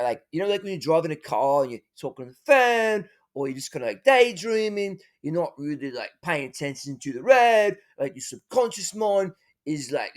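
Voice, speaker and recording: A man playing a father who rambles through a wild adventure story, full of fillers and tag questions. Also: sits high.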